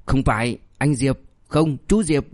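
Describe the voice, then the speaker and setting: A man's voice: mid-range voice, lively intonation, a little slow, dry recording, close to an everyday voice. A man voicing a panicky, cowardly, short and chubby young man who wails and pleads in an audiobook story. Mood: terrified pleading. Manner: wailing, pleading. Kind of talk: audiobook character voice.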